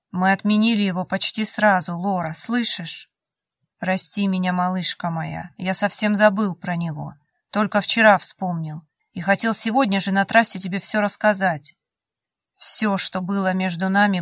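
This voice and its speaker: A woman's voice: mid-range voice, no room sound, studio quality, close to an everyday voice. A woman reading the lines of a young man who begs and insists on his lover, in an audiobook. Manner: insistent, pleading. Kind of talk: audiobook character voice.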